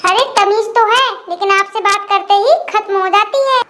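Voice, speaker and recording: Cheeky cartoon neighbor, high voiced: sassy, quick backtalk, bright. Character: cheeky sweeping young neighbor man.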